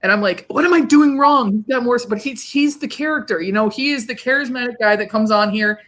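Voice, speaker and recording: A woman hosts a casual livestream chat over a video call, chatty and often repeating words as she starts a sentence. Her voice is on the high side and a bit bright, and she talks at a quick pace.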